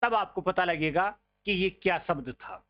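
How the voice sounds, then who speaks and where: A man's voice: high-pitched, normal speed, lo-fi sound. A man teaching an online grammar lesson, patiently repeating words to drill their pronunciation and calling his listeners friends.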